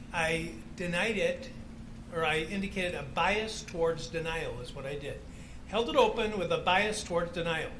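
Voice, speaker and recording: A man's voice: sits high, sharp tone, a little hiss or hum, low-quality recording. A man serving as judge, speaking from the bench in a courtroom recording, stern and scolding, cutting in and stumbling over his words.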